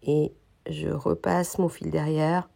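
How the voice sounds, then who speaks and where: A woman with a soft, mellow voice talks through a knitting tutorial at an even pace. She sounds a little nasal and stuffy from a cold, pausing often with small hesitations as she explains each stitch. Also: sits low, creaky. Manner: calm, hesitant explaining with many pauses. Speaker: knitting instructor.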